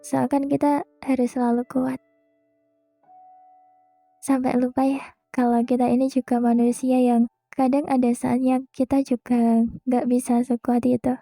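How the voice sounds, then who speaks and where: A young woman hosting a podcast, speaking a gentle, reassuring monologue straight to the listener. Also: high voice, flat delivery, unhurried, gravelly, pauses often, faint music behind. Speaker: podcast host. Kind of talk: soft comforting monologue.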